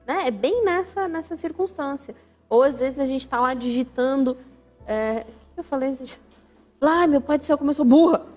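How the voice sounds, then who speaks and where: This is a woman with a high, bright-pitched voice, hosting a radio program about family. She explains in a didactic, emphatic way and hammers points home by repeating words. Soft music sits faintly beneath her. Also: moderate pace. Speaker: radio show host and family counselor. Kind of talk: radio talk on family life. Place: radio studio.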